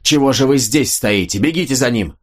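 A man's voice: fairly low pitch, normal speed, slightly rough. A man voicing a proud, stern young noblewoman who speaks firmly and commandingly, in an audiobook. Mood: defiant.

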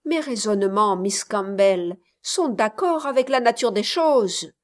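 A woman's voice: mid-range voice, expressive, measured pace, close to an everyday voice. A woman voicing a pompous, opinionated male scholar who lectures insistently in a storybook reading.

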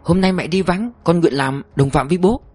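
A man's voice: a little high, brisk, darkish tone, husky, no echo, soft background music, voice pushed up. A man voicing a playful, cheeky young daughter who teases her father. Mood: teasing. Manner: teasing, chirpy. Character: playful cheeky teenage daughter, bright and teasing.

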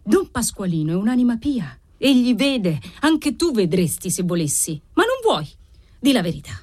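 A woman's voice: mid-range voice, sing-song, normal speed, darkish tone. A woman reading the part of a proud, obsessive older nobleman who questions and commands. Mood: fierce. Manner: demanding, interrogating. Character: proud older male aristocrat, obsessive and harsh.

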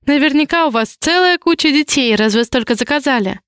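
A woman's voice: high-pitched, animated, fairly quick, a bit bright, no echo, clean studio sound, pitched above the performer's own voice. A woman voicing a shy but fiery young heroine in a story, with a flustered, breathless manner. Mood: cheerful.

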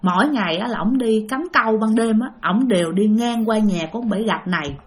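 A woman's voice: fairly high pitch, brisk. A woman with a Southern Vietnamese accent telling a ghost story, addressing her listeners directly.

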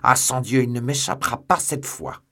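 A man voicing a hotheaded young Gascon swordsman, eager and impatient, his lines pushed higher and louder when he hurries. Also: animated, normal speed, slightly rough. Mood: furious.

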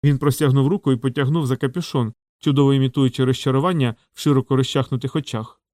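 A man narrating an audiobook in a measured storytelling voice. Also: mid-range voice, fairly even intonation, a little mellow, dry recording, clean studio sound. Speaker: audiobook reader. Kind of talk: scripted narration.

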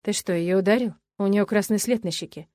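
A defiant young man speaks firmly and steadily in defense of the people he loves, as a woman reading the story gives him voice. His voice stays even and resolved. The sound is dry and close. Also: mid-range voice, fairly quick, no room sound, lightly acted. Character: young man, defiant son, protective and firm.

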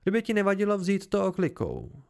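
A man's voice: sits high, wildly swooping pitch, creaky, voice pushed up, exaggerated voice. A man voicing a friendly, persuasive bearded male troupe leader in an audiobook reading. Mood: persuading.

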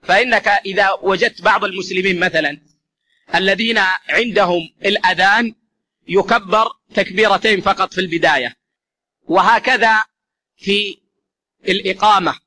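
A man's voice: sits high, fairly even intonation, moderate pace, pauses often, pushed and bright. A man giving an explanatory religious lesson, addressing listeners as brothers and repeating key phrases for emphasis. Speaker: religious teacher.

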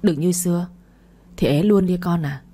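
A stern older mother lecturing her son in a storybook reading, as a woman reader plays her. The tone is low and warm but husky, firm and scolding. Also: moderate pace. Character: stern older mother, disapproving then resigned.

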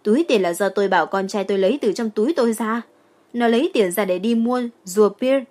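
A woman playing a furious, shrill mother in her thirties. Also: expressive, moderate pace, breathy edge, faint music behind. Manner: shrill, scolding, loud.

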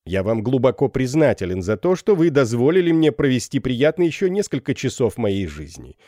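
A man voicing a boastful, hot-headed young army captain in an audiobook, swaggering and quick to shout. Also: medium pitch, sing-song, no echo, studio quality, close to an everyday voice. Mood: jaunty. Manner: swaggering, bursts into shouting anger.

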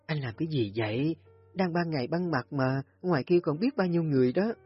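A man's voice: fairly high pitch, expressive, fairly quick, breathy edge, soft background music, pitched above the performer's own voice. Man voicing a shy nervous young woman. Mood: flustered. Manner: hushed embarrassed scolding. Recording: dry, dull lo-fi recording.

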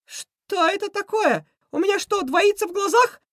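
A jittery, squeaky male rat schemer who keeps shrieking and fretting, as a woman reading an audiobook puts him on. The voice sits very high and sounds nothing like her usual tone. The recording is dry and close. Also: normal speed, no echo, close to an everyday voice. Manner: nervous, excitable, shrieking. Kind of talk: audiobook character voice.

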